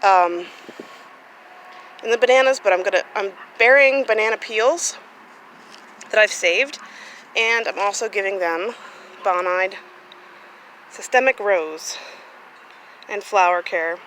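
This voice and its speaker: Walking her sunny home garden with a phone camera in hand, a woman chats in a slow, mid-range voice that's a bit bright. She pauses often and leans on fillers, and the poor-quality audio has slight background noise.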